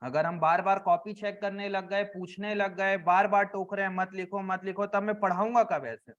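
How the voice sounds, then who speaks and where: A man teaching an accounts class in Hindi with English terms, asking the students questions and answering them himself, and dropping to a low murmur when he scolds or adds up sums. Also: fairly even intonation, moderate pace, fairly bright tone, muffled recording. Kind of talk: classroom lecture.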